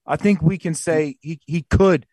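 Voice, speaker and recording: A man's voice: a little high, fairly even intonation, dark tone, dry recording. A man co-hosting a sports podcast, pressing his points insistently and with plenty of swearing. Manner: insistent, quick, profane. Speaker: podcast co-host. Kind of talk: heated casual sports debate.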